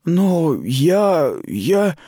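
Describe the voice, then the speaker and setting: A man's voice: on the high side, sing-song, extremely slow, warm tone, no room sound, studio quality, voice pushed up, heavily acted. Man voicing a defiant young woman investigator. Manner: urgent, defiant, pleading.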